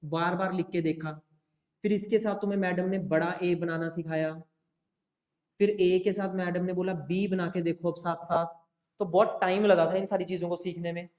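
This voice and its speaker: A man's voice: high-pitched, fairly even intonation, normal speed, darkish tone. A man teaching an accounting class, talking students through the basics and often checking that they follow. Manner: coaxing, keeps checking in with students. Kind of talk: classroom lecture. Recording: roomy echo.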